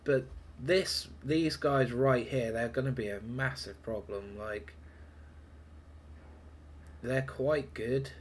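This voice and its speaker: Heavily congested with a cold, a man commentates his own game in a mid-range voice, taking it slowly with long pauses. A little hiss or hum is audible. He's a chatty gaming streamer who laughs often and mutters to himself between battle calls.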